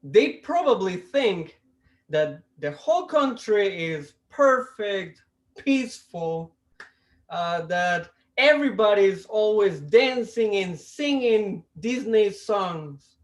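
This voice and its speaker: Doing a stand-up set through a video call mic, this man from Costa Rica speaks with a Costa Rican Spanish accent in a high voice with lively intonation. He's deliberate, often restarting his lines and laughing at his own jokes.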